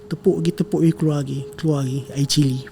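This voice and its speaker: On a podcast, a young guest tells a family story as casual conversation, rambling along with lots of fillers, corrections of himself, and English words mixed in. He talks fast in a warm, fairly high voice with even intonation and some vocal fry, and there's slight hiss or hum on the recording.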